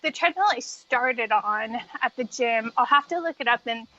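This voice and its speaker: A woman with a high voice chats casually as a podcast guest. She speaks in an easygoing, chatty interview style, and the audio is a bit dull and lo-fi. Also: moderate pace, sharp tone. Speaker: podcast guest, treadmill runner.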